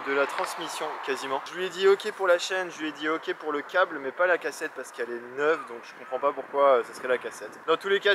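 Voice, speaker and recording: Young male travel vlogger, casual and rambling, a bit high-pitched, faint outdoor noise behind. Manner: rambling, hesitant with many fillers. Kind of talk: casual vlog chat to camera.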